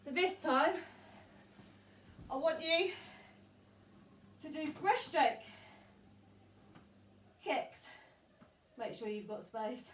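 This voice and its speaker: A woman's voice: high-pitched, expressive, extremely slow, pauses often, fairly bright tone, distant mic, a little hiss or hum. A woman coaching a home workout, encouraging and counting down the seconds, out of breath. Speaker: fitness coach. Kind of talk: workout instruction. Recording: roomy sound from away from the mic.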